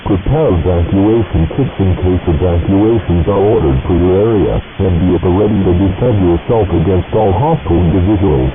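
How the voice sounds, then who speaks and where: A man reading a formal emergency announcement that breaks into regular programming, in an even, official manner. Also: deep voice, normal speed, pauses often. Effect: emergency broadcast cutting into programming. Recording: tinny noisy broadcast audio.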